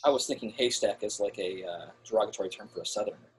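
A man on a podcast panel who guesses quiz answers and makes quick joking asides. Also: on the low side, heavy background noise. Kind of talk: casual podcast game banter.

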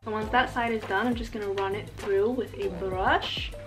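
A woman's voice: mid-range voice, fairly even intonation, moderate pace. A young woman in her twenties chatting casually while she styles her hair, recorded indoors in her living room by a camera in front of her. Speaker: beauty vlogger. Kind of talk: hair tutorial. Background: background music.

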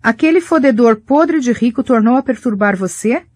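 A woman voices a blunt, protective young roommate who is angry, pitching her performance above her natural voice so it sounds a little high. The delivery is animated and moderately paced with a darkish tone, captured in a dry, clean studio recording.

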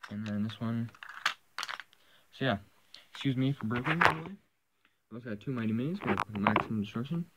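A man's voice: medium pitch, highs cut off, background noise. A man casually showing off his toy haul in a vlog, rambling with lots of fillers, filming the toys on a floor indoors. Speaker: toy collecting vlogger. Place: indoors, camera pointed at toys on a carpeted floor.

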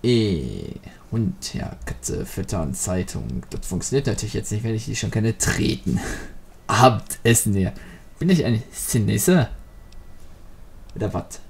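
A man hosts a Let's Play and rambles through jokey commentary as he plays. His voice sits low and gravelly. He talks slowly, with a lot of swing in his pitch. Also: sing-song, darkish tone. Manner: rambling, jokey free association. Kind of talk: joking gameplay commentary.

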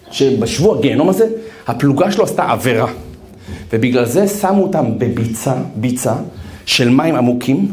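Animated rabbi preaching in echoey hall. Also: male voice, medium pitch. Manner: animated, acts out quotes, addresses listener as brother. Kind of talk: live sermon with storytelling. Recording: roomy hall echo.

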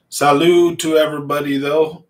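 A man of forty hosting a fishing channel livestream from a small home room, chatting casually, rambling and answering viewers' comments. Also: on the high side. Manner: rambling, laid-back, reads and answers chat. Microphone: large studio mic on a stand in front.

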